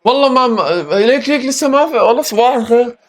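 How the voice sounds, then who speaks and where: A hoarse young man with a Levantine Arabic accent, hosting a live football match reaction and exclaiming at every chance. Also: very high voice, expressive, racing. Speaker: football reaction video host.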